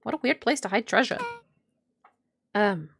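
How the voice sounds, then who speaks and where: A woman's voice: medium pitch, normal speed, vocal fry, husky. A woman streaming a game, reading character lines and making joking, swearing asides. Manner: animated, swears, jokey asides. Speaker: streamer playing and reading dialogue.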